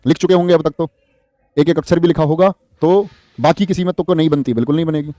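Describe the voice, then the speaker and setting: Male exam teacher, fairly high, mellow voice, dry close sound, quizzes his class as he goes. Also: quick pace, no room sound. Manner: lively, quizzing students, reading out their comments. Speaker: Hindi exam-prep teacher. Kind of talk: live online class.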